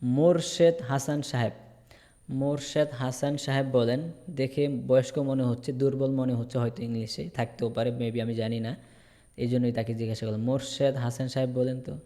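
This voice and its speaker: A man's voice: mid-range voice, level tone, normal speed, mellow, long reverb tail. A Bangladeshi man teaching English in an online class, repeating each word and answering his own questions. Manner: repetitive drilling, asks and answers himself. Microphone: video call.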